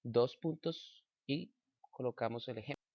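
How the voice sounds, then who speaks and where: Guy reading a grammar lesson slow and careful, mid pitch, dry close sound. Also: a little mellow, no room sound. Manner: slow, measured reading with example sentences. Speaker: teacher.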